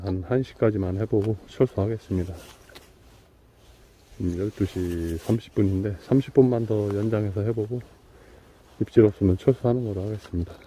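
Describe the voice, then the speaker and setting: A middle-aged man hosting a fishing channel, talking to himself with excited exclamations as he fishes outdoors at night by a muddy waterway. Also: fairly low pitch, brisk, husky. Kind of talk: fishing vlog commentary.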